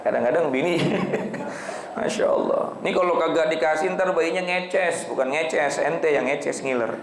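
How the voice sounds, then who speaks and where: Folksy preacher guy, gravelly voice, keeps asking the crowd, echoey hall. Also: on the high side, a little slow. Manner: folksy, asks the crowd questions. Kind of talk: lively sermon storytelling.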